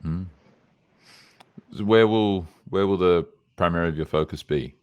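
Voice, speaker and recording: A man hosting a podcast, asking short relaxed interview questions. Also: low voice, a little slow, clean tone, muffled recording. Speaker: podcast host.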